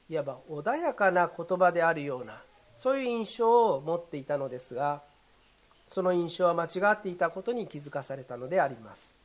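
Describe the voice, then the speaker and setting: A pastor delivering a sermon in a measured, formal way, with occasional short fillers. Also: medium pitch.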